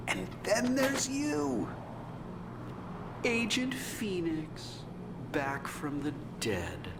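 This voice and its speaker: A man's voice: high voice, roomy sound, noisy background, full character voice. An actor playing a vain, gloating showman villain in a video game, with theatrical menace and hammy delivery.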